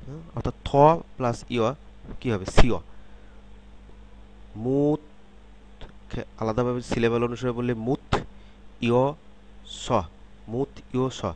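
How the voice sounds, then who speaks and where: Slow, patient man teaching pronunciation. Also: mid-range voice, fairly even intonation, background noise. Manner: repeats example sounds and asks checking questions. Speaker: language teacher. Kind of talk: step-by-step pronunciation lesson.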